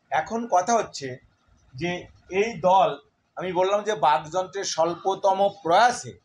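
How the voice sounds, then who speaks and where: Middle-aged male teacher with a slightly high voice, slow and deliberate, over faint background noise. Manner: slow and deliberate, spelling out syllables with filler pauses. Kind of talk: grammar lesson.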